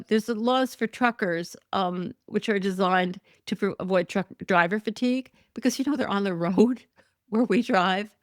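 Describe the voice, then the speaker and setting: A woman hosts a casual solo podcast, talking through the news in a chatty, wry manner full of ums and self-corrections. Her medium-pitched voice sounds a bit worn, as she is losing it. The recording is studio quality with no room sound.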